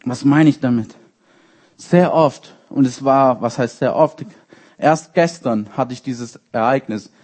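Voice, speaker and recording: A young man, a youth leader, preaching a sermon in a lively storytelling way and speaking directly to the congregation. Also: medium pitch, unhurried. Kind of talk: sermon with personal anecdotes. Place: church service.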